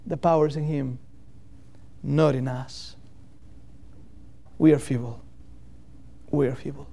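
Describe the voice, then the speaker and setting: This man's voice is medium-pitched, creaky and dark, with fairly even intonation. He is a missionary preacher from Catalonia, Spain, giving a sermon in English as a second language with a Catalan accent. Earnest in manner, he repeats key phrases and leans on deliberate emphatic wording.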